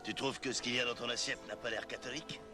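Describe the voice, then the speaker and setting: A man's voice: medium pitch, fairly even intonation, fast talker, lightly acted. A man playing an exasperated comic Jesus in a parody film, theatrical and mock solemn. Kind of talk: comedy sketch acting. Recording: film clip with music behind.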